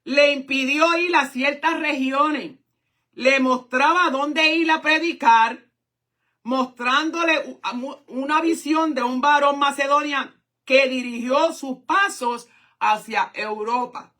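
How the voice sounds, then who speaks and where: A woman preaching a fervent sermon in a high, bright voice. She talks to her congregation in a conversational way, checking in with them often and breaking in with hallelujahs and drawn-out exclamations.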